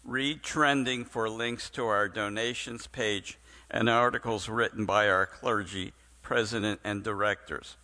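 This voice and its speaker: A man reads out synagogue announcements, slowly and deliberately. His voice sits a little low but sounds bright. A long reverb from the sanctuary trails each phrase. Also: fairly even intonation. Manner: slow and measured, clearing his throat. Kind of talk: reading announcements. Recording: reverberant hall.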